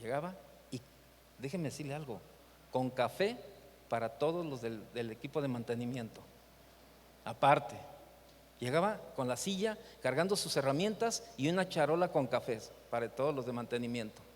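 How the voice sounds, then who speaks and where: A medium-pitched man speaking at a moderate pace delivers a church leadership talk in a large hall. With his Mexican Spanish accent, he preaches through animated storytelling, anecdotes and rhetorical questions at this church seminar.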